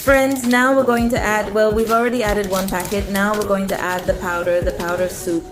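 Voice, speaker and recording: A woman's voice: medium pitch, fairly even intonation, moderate pace. A woman vlogger chatting casually to viewers and family during a food challenge. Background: music, clinking dishes.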